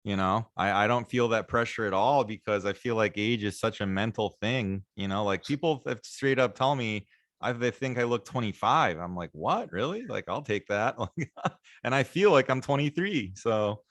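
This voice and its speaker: A man in his thirties hosting a podcast, talking calmly and reflectively with frequent affirmations. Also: lowish voice, moderate pace, no room sound, clean studio sound. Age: 30s. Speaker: podcast host, naturopathic doctor. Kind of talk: casual interview chat.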